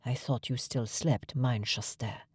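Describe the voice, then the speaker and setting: A woman's voice: rumbling low, moderate pace, darkish tone, no room sound, studio quality. A woman voicing a possessive, protective male vampire who speaks firmly and with heat, in an audiobook. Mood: tender.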